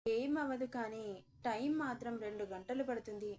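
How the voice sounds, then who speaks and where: A woman's voice: moderate pace, a little mellow, a little hiss or hum, lightly acted. A woman voicing a playful, teasing young husband in a romance audio story. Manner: teasing, low and husky.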